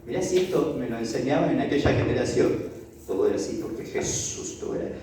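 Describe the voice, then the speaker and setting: A pastor preaching an animated sermon, acting out Bible scenes and making asides to the congregation. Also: medium pitch, fast, a little hiss or hum. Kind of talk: lively sermon. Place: church hall. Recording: echoey church hall from far off.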